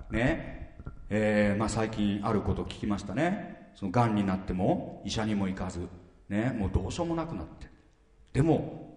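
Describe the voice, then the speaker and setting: A man's voice: lowish voice, a little mellow. A man in his fifties preaching a sermon as pastor, full of rhetorical questions and repeated phrases. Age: 50s. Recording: reverberant hall.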